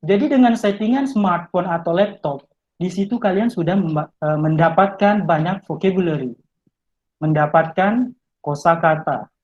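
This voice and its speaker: Through a muffled video-call recording, a high-pitched man speaks at a moderate pace. He's an English tutor giving study tips online, going step by step and addressing his listeners directly.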